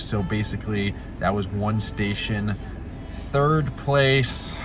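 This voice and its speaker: A young man, a disc golf pro, vlogging his tournament outdoors in a laid-back, joking way. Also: on the low side. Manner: laid-back, jokey, laughs at his own bits. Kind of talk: casual vlog narration. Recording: background music under the voice.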